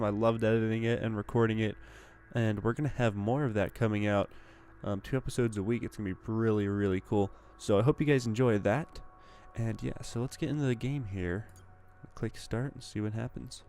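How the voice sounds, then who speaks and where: A man's voice: mid-range voice, darkish tone, clean tone. A young man hosting a gaming channel, chatting casually over gameplay with a groggy morning voice that sounds a little congested. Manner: chatty, rambling, upbeat.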